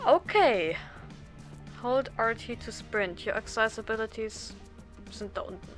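A woman's voice: on the high side, measured pace. Young German woman streaming, music behind. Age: young adult. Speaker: game streamer. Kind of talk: casual let's play, reading game text aloud. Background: game music.

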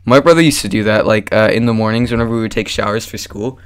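A man's voice: lowish voice, quick pace. A teenage boy co-hosting a casual podcast, easygoing and laughing, with lots of "like.". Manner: easygoing, laughs a lot, says "like" a lot. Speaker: podcast co-host. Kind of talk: casual chat.

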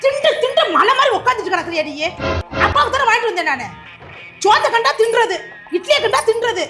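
An exasperated, scolding mother, as a woman plays her in a comedy sketch, shouting and wailing at her son. Her voice is very high and shrill. Music plays clearly behind her. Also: very animated, quick pace. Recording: background music.

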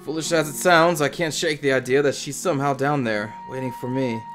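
A man's voice: medium pitch, steady tone, a bit bright, faint music behind, close to an everyday voice. Man putting on a grieving old ranger. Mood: haunted. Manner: a put-on accent that keeps slipping, read slowly and heavily. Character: grieving elderly male veteran ranger, haunted and wistful.

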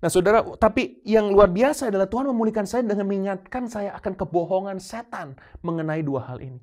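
A man's voice: high voice, fast, darkish tone. A man in his thirties preaching a sermon, telling personal stories and slipping English phrases into his talk. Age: 30s. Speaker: pastor.

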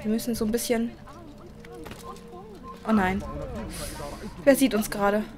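A young woman hosting a let's play, chatty and excitable, often pleading and squealing at the game. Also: mid-range voice, a little slow. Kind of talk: gameplay commentary. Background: game music.

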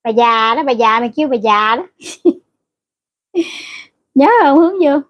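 At a normal speed and a slightly high pitch, the middle-aged livestream host works through viewer comments in a casual stream. Anyone rude gets a blunt, crude telling-off from her, and the sound quality is dull.

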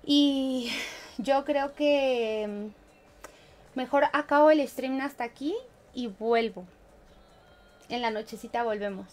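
Woman, Mexican accent, high voice, game streamer, casual live-stream chat, playful, chatty, laughing. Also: takes it slowly, pauses often, darkish tone, soft background music. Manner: playful, chatty, laughs often, hums little tunes.

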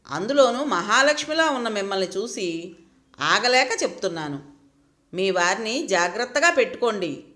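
Hesitant young typist, earnest, lively higher voice , read by a woman.

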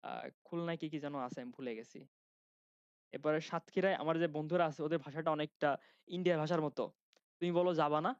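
A man's voice: on the high side, steady tone, a little fast, pauses often, clean tone, dry recording. A young man from Bangladesh with a Khulna Bangla accent, giving a casual grammar lecture and often asking his students questions. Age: young adult. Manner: chatty, asks students questions, restarts sentences. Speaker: grammar instructor. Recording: dry, dull lo-fi sound.

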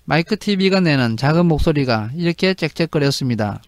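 A man teaching an English book to learners. He reads each sentence aloud very slowly and then translates it. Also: on the high side, animated, no echo. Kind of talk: slow read-aloud lesson with translation.

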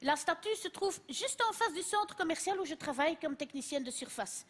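A woman's voice: very high-pitched, lively intonation, moderate pace, fairly bright tone. A woman playing a chatty, self-assured Belgian cleaning lady with a Belgian accent, rambling in a stand-up sketch on a TV stage. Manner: rambling, confidently wrong. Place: TV studio stage.

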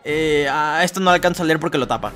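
A young man commentating a horror game as a let's player, talking to viewers and shouting at scares. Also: on the high side, fast, soft background music. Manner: excitable, shouts and screams at scares, chatty asides to viewers. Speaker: gaming YouTuber.

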